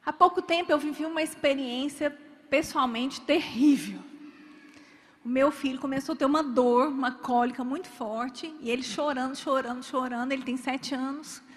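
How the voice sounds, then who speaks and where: A woman's voice: high-pitched, moderate pace, big-room sound. A woman preaching a sermon, telling stories dramatically and acting out the people in them.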